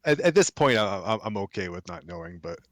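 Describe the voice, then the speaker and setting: A man's voice: fairly low pitch, big pitch swings, brisk, no echo. A man co-hosting a live game stream, chatting casually, musing aloud and laughing often. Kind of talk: casual chat.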